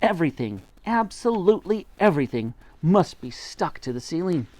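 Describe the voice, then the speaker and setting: A reader voicing an excited, bossy father monkey who shouts urgent commands in a high, loud voice. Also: normal speed, lightly acted.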